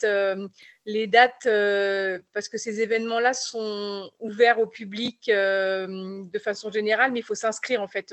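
A woman, an animal sanctuary co-founder, answering interview questions in a halting, hesitant way with many pauses. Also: medium pitch, no echo. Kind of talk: casual radio interview answers.

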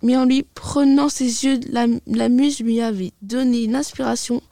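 Gravelly high-voiced woman reading haltingly. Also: fairly even intonation, warm tone, no echo. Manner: halting, with many restarts. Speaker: reader. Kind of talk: reading a story aloud.

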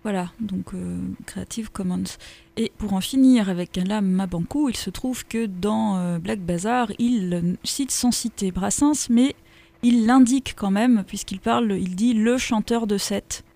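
A woman hosting a radio show, introducing music and guests in a halting way with many filler sounds. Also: medium pitch, creaky, dark tone, no echo. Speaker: radio host.

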